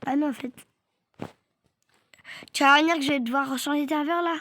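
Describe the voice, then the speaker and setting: A woman's voice: sits high, steady tone, normal speed, fairly bright tone, dry recording. A young woman giving casual gameplay commentary, stammering, apologizing and often dropping into whispers. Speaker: gaming video creator.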